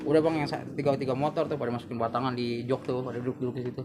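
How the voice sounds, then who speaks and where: A young man tells a story as a guest in a relaxed interview. He talks quickly and in street slang. He keeps the telling lively, with faint room noise behind him. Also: medium pitch. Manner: animated slangy storytelling, acts out quoted voices.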